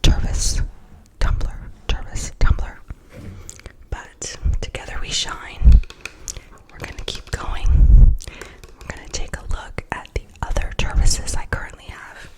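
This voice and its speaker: A woman whispering an ASMR unboxing and chat in a soft, breathy, soothing voice, repeating words and phrases. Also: measured pace. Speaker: ASMR creator and host.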